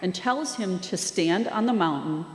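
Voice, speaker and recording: A woman preaching a sermon in a church, speaking with slow, measured delivery and dramatic pauses. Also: fairly low pitch, expressive. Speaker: lay preacher and youth worker. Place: church sanctuary. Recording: echoey church hall.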